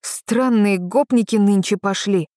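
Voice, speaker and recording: Woman doing an indignant rough stranger. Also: medium pitch, unhurried, warm tone, no echo, studio quality, natural voice. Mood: scornful. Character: rough middle-aged male stranger, indignant.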